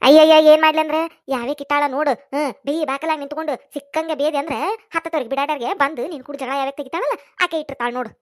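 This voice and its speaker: A woman voicing an excitable gossiping village woman with a North Karnataka Kannada accent, in a cartoon. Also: high-pitched, racing, hardly any pauses, no room sound, clean studio sound, natural voice.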